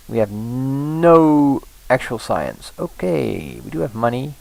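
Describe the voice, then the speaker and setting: A man's voice: medium pitch, creaky, poor audio. A man casually commenting on a game he is playing, thinking aloud with frequent restarts and small laughs. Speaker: let's play host.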